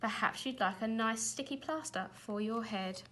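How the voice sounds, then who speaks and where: A woman's voice: a little high, normal speed, bright, forceful tone. Woman as Princess Pearl, kind plucky young girl. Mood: kindly. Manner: polite, helpful, forthright.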